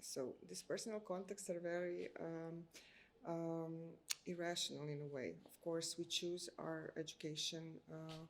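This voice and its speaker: A woman with a Croatian accent speaks in a somewhat low voice, pausing often and filling gaps with soft hesitations. She answers interview questions carefully, as if finding each word. A faint noise sits under the recording. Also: level tone. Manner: hesitant, many filler sounds, searching for words. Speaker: architect.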